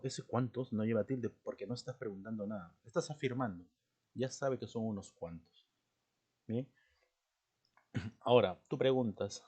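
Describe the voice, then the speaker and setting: A man gives a recorded language lesson in a low, mellow voice. He explains each point patiently and keeps checking whether the students follow. Now and then he clears his throat between points. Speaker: language teacher.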